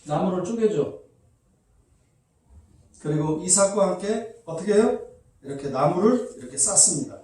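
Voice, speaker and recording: A male pastor preaches with a high but mellow voice that rings through a very echoey church hall. He sounds a little removed from the mic, as if it were set some way off in the room. He keeps putting questions to the congregation and slips into the voices of the people in the story. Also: expressive, normal speed, pauses often, recorded from a distance. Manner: acts out quoted voices, asks the congregation questions. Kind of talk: sermon.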